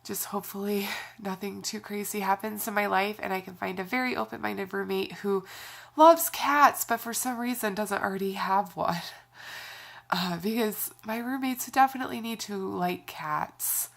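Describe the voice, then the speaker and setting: A young woman talks in a loose, rambling vlog, sighing often and filling gaps with "like" and "um." Her voice is scratchy and gravelly, and her stuffed nose leaves her short of breath. Her pitch sits in the middle. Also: normal speed, fairly bright tone. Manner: rambling, sighing, with frequent fillers. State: congested and scratchy-voiced from a cold. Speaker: vlogger. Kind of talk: casual vlog talk.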